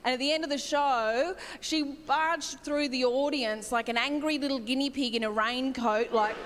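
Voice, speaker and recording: High-voiced Australian woman doing stand-up. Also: steady tone. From Wagga Wagga, Australia. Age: 30s. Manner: brisk, storytelling, mimics relatives. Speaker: stand-up comedian. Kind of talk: stand-up comedy set. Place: comedy stage in a large hall. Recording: live hall with long reverb, faint noise.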